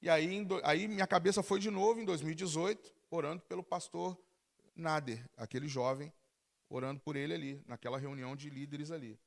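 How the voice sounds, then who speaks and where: Man, pastor, Brazilian Portuguese accent, sermon testimony, animated storyteller, frequent restarts, higher voice. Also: a little fast, vocal fry. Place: church service.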